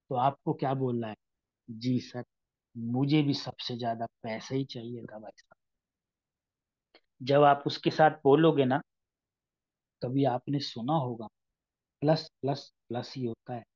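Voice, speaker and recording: A man's voice: medium pitch, dark tone, dry recording. Man giving a dry, lo-fi sales pep talk. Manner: addresses listeners as friends, acts out sales dialogues. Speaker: network marketing trainer. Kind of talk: motivational sales training talk.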